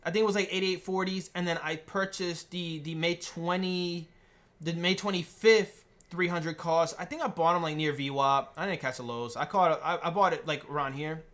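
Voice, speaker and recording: Young man, slightly high voice, casual trade breakdown, rambling with restarts, chewing gum. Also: normal speed, fairly bright tone. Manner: chewing gum while talking. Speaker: trading channel host.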